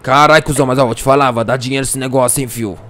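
A young Brazilian man playing a crime roleplay game, chatting in rapid, excitable street slang. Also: medium pitch. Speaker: roleplay gamer. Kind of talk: casual gaming roleplay chat.

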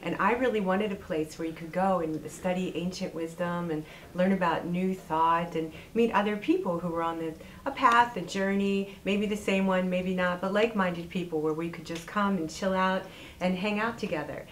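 A woman in her forties who owns a bookstore, speaking earnestly to camera in a fundraising pitch on a lapel mic. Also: fairly even intonation, moderate pace, slight background noise, low-quality recording. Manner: warm, earnest, heartfelt. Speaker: bookstore owner. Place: bookstore interior and outdoor porch.

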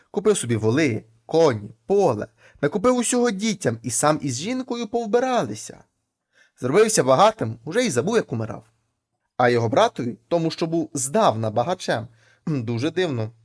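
Animated male storyteller. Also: fairly high pitch. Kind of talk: folk tale reading.

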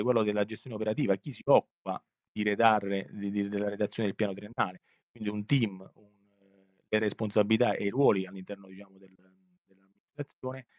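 A man giving a webinar presentation over a video call, talking haltingly with many fillers and restarts. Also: no room sound. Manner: hesitant, full of fillers and restarts. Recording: muffled low-fidelity web call audio.

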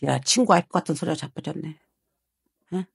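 A woman's voice: low-pitched, a little fast, vocal fry, slightly rough, no echo, studio quality. A woman fortune teller harshly scolding a client, swearing and prodding him with rhetorical questions. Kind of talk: heated consultation with a client.

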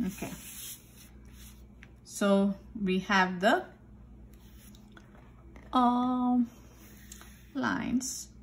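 Slow patient woman art teacher. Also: on the high side. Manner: patient, talks through each step as she draws. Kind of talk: step-by-step drawing lesson. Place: indoors at a desk. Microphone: overhead camera filming the tabletop.

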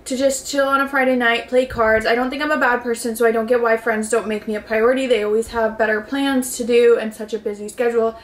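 Sitting in her bedroom facing the camera, a young woman in her twenties answers viewer messages, reading them out and giving advice in a bubbly way, with offhand swearing and plenty of "like." Her voice is on the high side and steady, and she talks fast with few pauses, the room adding noticeable echo.

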